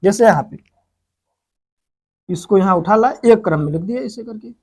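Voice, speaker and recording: A man's voice: high voice, expressive, normal speed, a little mellow, husky. Man teaching physics, self-quizzing. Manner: repeats questions and answers them himself, explaining step by step. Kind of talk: whiteboard lesson.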